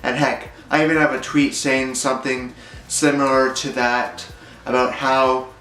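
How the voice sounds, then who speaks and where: A man's voice: mid-range voice, little pitch movement, measured pace, fairly bright tone, roomy sound, poor audio. A young man rambling through a casual vlog monologue, hesitant and full of fillers. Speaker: YouTuber.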